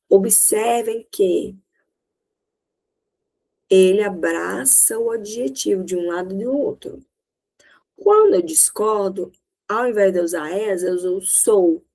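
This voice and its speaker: A woman's voice: mid-range voice, darkish tone, rough recording. A woman with a Brazilian Portuguese accent teaching English in a recorded lesson, explaining step by step and often checking that students follow.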